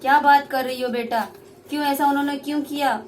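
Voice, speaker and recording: A poor, worried older father, voiced by a young woman speaks with anxious tenderness in a homemade puppet play. The voice stays fairly high. A faint hiss sits behind it. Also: fairly even intonation, fairly quick, close to an everyday voice.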